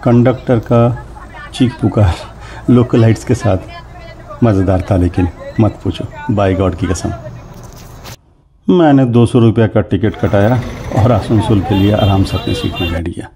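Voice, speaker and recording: A man's voice: fairly low pitch, unhurried, a crowd in the background, rough recording. A man from Jharkhand in India, narrating his bus trip in a casual, reflective travel vlog and slipping English phrases into his talk. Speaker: travel vlogger. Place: bus and roadside stops outdoors. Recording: street and vehicle noise behind.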